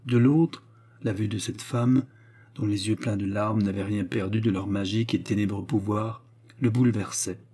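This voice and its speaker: A man narrating a classic novel as an audiobook, reading in a dramatic, expressive way. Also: lowish voice, moderate pace, breathy edge.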